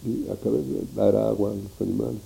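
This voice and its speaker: A man's voice: fairly low pitch, level tone, brisk, gravelly, dark tone, low-quality recording. A man telling a meandering, folksy story from his past. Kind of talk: oral history recollection.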